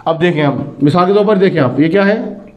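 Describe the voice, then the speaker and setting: A man teaches English sounds in a fairly high voice. He sounds out each example word slowly and asks questions that he answers himself. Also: animated, lo-fi sound. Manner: repeats words slowly, asks and answers his own questions. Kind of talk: phonics lesson.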